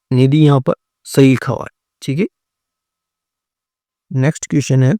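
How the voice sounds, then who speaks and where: A man's voice: fairly high pitch, creaky, mellow, no room sound, studio quality. A man teaching a Hindi exam-prep class, going through multiple-choice answers and often repeating words and answers. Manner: repeats words and answers, often says "theek hai" and "right".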